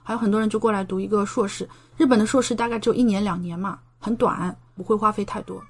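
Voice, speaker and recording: A Chinese woman who is a medical doctoral student in Japan chats as a podcast guest, explaining at length and offering lots of examples. Her mid-range voice is steady in tone, quick in pace, and carries a breathy edge.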